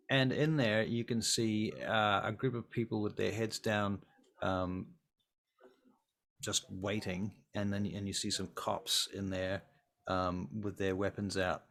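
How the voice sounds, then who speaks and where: Brief: male game master, low gravelly voice, descriptive narration with fillers. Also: level tone, slow pace, fairly bright tone. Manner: descriptive, with many filler ums.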